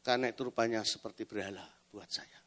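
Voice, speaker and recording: A man preaching a sermon at a church retreat. He swings between loud exhortation and hushed storytelling. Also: on the low side, quick pace.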